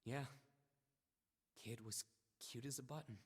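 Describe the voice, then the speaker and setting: A woman voicing a sulky, contrary young man who mutters flatly. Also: extremely low pitch, a little slow, pitched below the performer's own voice. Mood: wistful.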